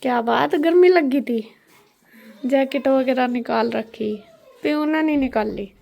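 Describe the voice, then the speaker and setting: A woman's voice: high voice, unhurried, creaky, a little mellow, slight background noise. A woman, a mother chatting and teasing her kids while serving food at home for a vlog. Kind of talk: casual home vlog chat. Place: family home kitchen.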